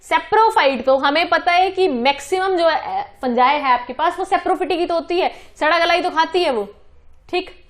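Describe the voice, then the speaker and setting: High-voiced woman teaching exam biology. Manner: mixes English terms into Hindi, quick self-corrections. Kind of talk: exam-prep lecture solving questions.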